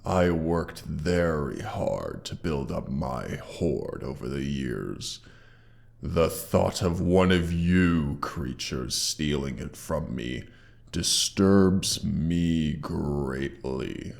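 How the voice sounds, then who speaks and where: In a scripted roleplay monologue, a man voices a proud, injured male dragon guarding its hoard, speaking with cold menace in slow, deliberate, haughty lines full of archaic wording. His very deep, gravelly voice is fully acted and expressive, run through a processed monster-voice effect.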